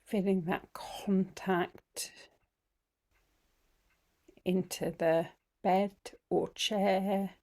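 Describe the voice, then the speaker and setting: Slow, gentle meditation guide, woman. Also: medium pitch, little pitch movement. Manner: slow, gentle guidance with frequent ums and soft whispered phrases. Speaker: breathwork and mindfulness teacher. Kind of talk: guided body scan meditation.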